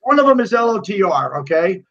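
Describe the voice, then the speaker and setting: A man co-hosting a casual podcast chat, animated and given to swearing rants. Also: sits high, brisk, slight background noise. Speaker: podcast co-host. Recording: dull lo-fi sound.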